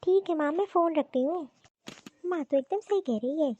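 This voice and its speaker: A woman's voice: sits high, moderate pace, warm tone, no echo, muffled recording, natural voice. A woman voicing a selfish young wife in a Hindi cartoon, stubborn and insistent.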